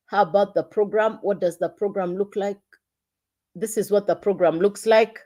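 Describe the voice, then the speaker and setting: A woman hosts a casual livestream pitch for an online business. She talks straight to her viewers, repeating her points to coax them along. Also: warm tone. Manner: repetitive, coaxing, addresses viewers directly.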